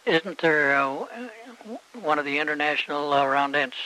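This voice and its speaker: Male interviewer with a bright, forceful tone and hesitant questions; faint hiss. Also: a little high, normal speed, low-quality recording. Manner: brief acknowledgements, hesitant questions. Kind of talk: casual interview.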